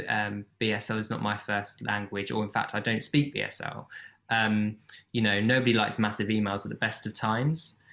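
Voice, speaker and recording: A man on a video call moderating a panel, briskly handing over to speakers. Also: lowish voice, vocal fry, bright, forceful tone.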